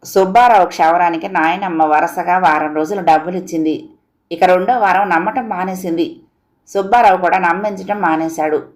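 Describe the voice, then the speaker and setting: A woman narrating a short story in a lively, expressive reading voice. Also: fairly low pitch, normal speed.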